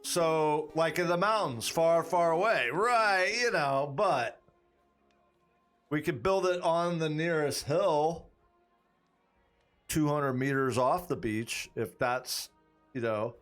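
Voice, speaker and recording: With soft music underneath, a man with a fairly high, slightly bright voice speaks slowly and pauses often. As game master of a tabletop role-playing stream, he chats with viewers and thinks aloud, rambling and restarting a lot.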